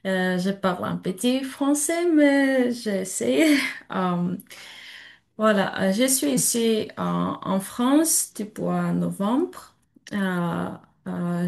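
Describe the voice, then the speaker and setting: A woman of twenty-eight from Georgia with a Georgian accent, giving a personal testimony in halting, broken French, searching for words. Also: fairly low pitch, vocal fry, darkish tone. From Georgia (country). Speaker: European volunteer giving testimony. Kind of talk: personal testimony at an information session.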